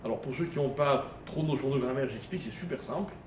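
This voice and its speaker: A man's voice: medium pitch, fast talker, a little mellow. A man teaching a live Torah lesson, explaining Hebrew grammar step by step and quizzing his listeners. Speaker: rabbi teaching a Torah class. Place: room with a small live audience. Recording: echoey room recording with faint noise.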